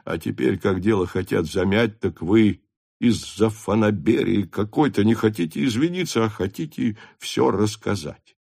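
A male narrator plays an older cavalry staff captain, stern, honest and proud of his regiment. He lectures with earnest reproach in a lowish voice, recorded close and dry. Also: normal speed, creaky, darkish tone, breathy edge, no echo. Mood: reproachful.

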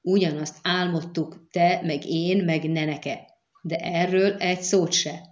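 A woman's voice: lowish voice, steady tone, highs cut off, close to an everyday voice. A woman voicing a fierce, hot-tempered young sorceress who scolds sharply, in an audiobook reading. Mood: tense.

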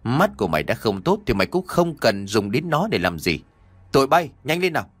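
A man's voice: medium pitch, big pitch swings, brisk, dry recording. A man voicing a cruel, vindictive older landlord in an audio story, menacing and sneering. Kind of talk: audiobook character voice.

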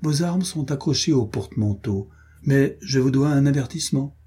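A man's voice: mid-range voice, animated, moderate pace, dark tone, breathy edge, pitched above the performer's own voice. A man reading an audiobook voices an ironic, teasing young nobleman and swordsman.

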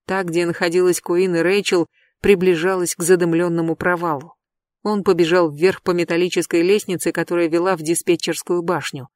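An audiobook narrator reading a thriller in steady, even storytelling. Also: mid-range voice, brisk, dry recording, clean studio sound.

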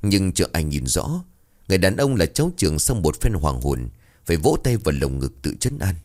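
A man's voice: low-pitched, big pitch swings, a little fast, darkish tone. A man narrating a ghost story in a dramatic, suspenseful way.

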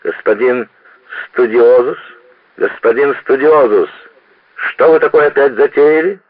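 A man's voice: fairly low pitch, sing-song, takes it slowly, vocal fry, breathy edge, dry recording, phone-quality sound, full character voice. A man doing an outraged old schoolmaster. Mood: indignant. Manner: indignant shouting. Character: agitated pedantic older male schoolmaster.

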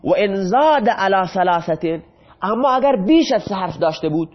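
High lively guy teaching grammar, asks then answers himself, muffled lo-fi sound. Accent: Iranian Persian. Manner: asks questions and answers them himself, drills verb forms. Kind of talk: classroom grammar lesson. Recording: dull lo-fi classroom recording.

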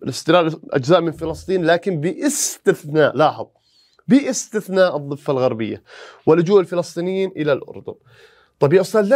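Fast, animated history teacher. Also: male voice, fairly high pitch. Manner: animated, rhetorical questions, playful skits. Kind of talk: exam review lesson.

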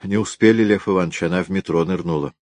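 A man reading aloud voices a young field detective reporting in a brisk, matter-of-fact way. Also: deep voice, darkish tone, close to an everyday voice.

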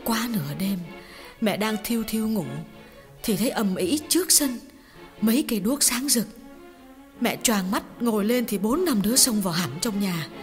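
A woman's voice: mid-range voice, animated, normal speed, lightly acted. A woman voicing a sorrowful middle-aged mother recounting a family tragedy in an audio story. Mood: grieving. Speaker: audiobook voice actor. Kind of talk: audiobook drama reading. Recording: long reverb with faint music.

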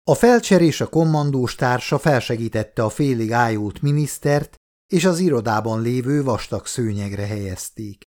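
A man reading an audiobook in scripted narration, with a steady, even delivery. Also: medium pitch.

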